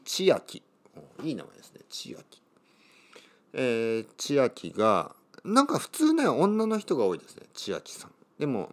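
Speaking at a medium pitch, this middle-aged man from Kyushu teaches Japanese by walking learners through a reading. Each passage is read slowly and then restated in easier language. Difficult place names make him pause and puzzle out loud over their pronunciation.

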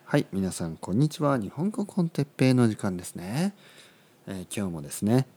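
A man talks into a studio microphone, keeping his voice low and gentle because his throat is sore. His pitch rises and falls a lot as he goes. He speaks slowly and simply for learners, often adding "ne" and repeating phrases. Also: big pitch swings, husky. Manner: speaks softly, frequent "ne" tags, repeats phrases. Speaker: podcast host for Japanese learners. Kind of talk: slow, simple podcast talk for learners. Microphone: studio microphone, seated.

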